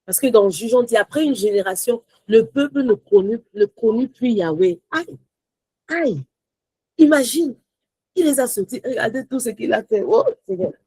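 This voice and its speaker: Lively French-speaking woman preaching. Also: a little high, moderate pace, breathy edge, dry recording, low-quality recording. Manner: mixes English phrases into French, exclamatory; swings from shouts to soft whispers. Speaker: prayer teacher. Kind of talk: animated sermon teaching.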